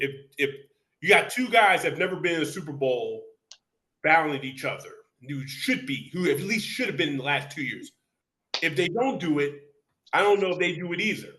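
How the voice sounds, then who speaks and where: Higher-voiced man hosting a casual chat. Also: bright, forceful tone. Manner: loose, hurried, repeats words. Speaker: host.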